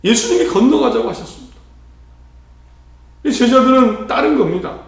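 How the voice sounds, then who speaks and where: A man's voice: very high-pitched, animated, moderate pace, creaky. A male pastor delivering an earnest sermon, asking rhetorical questions and shifting his emphasis often. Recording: heavy church reverb.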